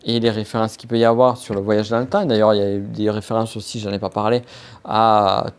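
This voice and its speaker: A man's voice: fairly low pitch, level tone, fairly quick, clear, resonant tone. A man hosting a solo business podcast, talking casually to the listener with frequent restarts and hesitations. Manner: hesitant, many restarts and fillers; addresses listener informally. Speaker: podcast host.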